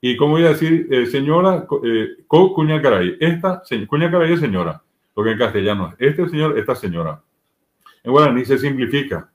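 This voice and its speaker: Paraguayan man, mid-pitched, patient teacher explaining grammar with examples, interview setting. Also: lively intonation, fairly quick. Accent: Paraguayan Spanish. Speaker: Guarani language teacher.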